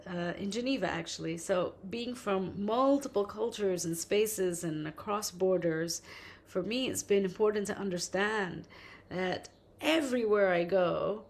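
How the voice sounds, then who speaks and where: A woman's voice: on the low side, darkish tone. A middle-aged woman who grew up in Indonesia, thinking aloud in an interview and stringing ideas together in long chains. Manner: thoughtful, lists terms in long chains. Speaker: interviewee, debt justice researcher. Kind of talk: reflective interview talk.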